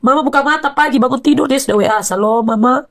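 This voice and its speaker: A woman's voice: high-pitched, very fast, creaky, fairly bright tone. A middle-aged woman giving an emotional personal account in an interview, calling herself Mama and often addressing the host as Abang. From Indonesia. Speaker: interview guest, mother of the deceased.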